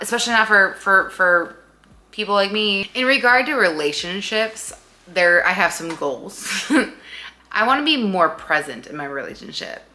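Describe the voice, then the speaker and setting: A woman's voice: mid-range voice, bright, forceful tone. A woman in her late thirties, chatting casually at home as a vlogger, rambling with many fillers. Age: late 30s. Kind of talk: casual chat.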